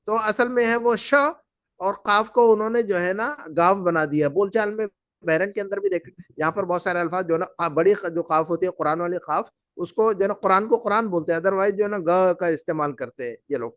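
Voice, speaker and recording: High-voiced man drilling a class. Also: no echo, clean studio sound. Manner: patient, repeats words and quizzes the class. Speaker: Arabic teacher. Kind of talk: language class, drilling students. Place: class run from Bahrain.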